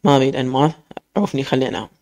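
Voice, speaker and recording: A man's voice: mid-range voice, lively intonation, very fast, creaky, darkish tone. A man with an Iraqi accent reading the lines of a shy, stubborn young bride.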